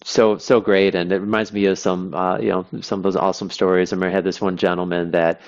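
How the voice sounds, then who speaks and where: A man with a very deep, gravelly voice rambles in a relaxed chat, full of restarts and "you know"s. The sound is dull and lo-fi. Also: fast talker. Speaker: podcast co-host. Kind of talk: casual chat.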